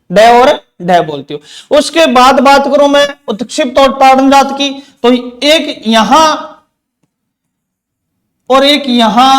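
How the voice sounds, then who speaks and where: A man's voice: very high voice, a bit bright. A man teaching an exam-prep grammar lesson, repeating key terms and asking questions back to his students. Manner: says terms slowly, one by one.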